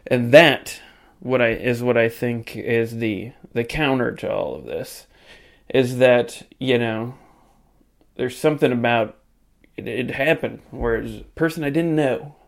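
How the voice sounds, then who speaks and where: A man's voice: medium pitch, unhurried, gravelly. A man delivering a reflective monologue, musing aloud with frequent "you know" fillers. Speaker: podcast segment host.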